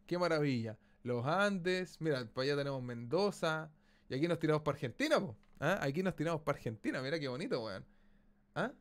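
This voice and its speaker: A streamer with a Chilean accent gives excitable live gameplay commentary, exclaiming and swearing casually. His voice is a little high.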